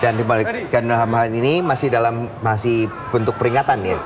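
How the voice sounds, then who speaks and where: A man's voice: medium pitch, fairly quick, background noise. A man giving live play-by-play fight commentary, often echoing and checking with his co-commentator. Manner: echoes his co-commentator and seeks confirmation. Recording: loud arena crowd behind.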